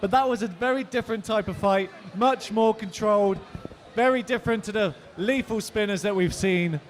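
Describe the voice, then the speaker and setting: High-voiced British man commentating robot fights. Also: normal speed. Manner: announcing calls to the ready tables. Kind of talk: live sports commentary.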